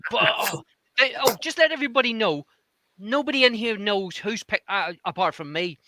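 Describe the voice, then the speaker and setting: A man's voice: high voice, animated, normal speed, bright, forceful tone, no echo. A man with an Irish accent who co-hosts and chats casually, laughing often and repeating himself. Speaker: co-host. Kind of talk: casual chat.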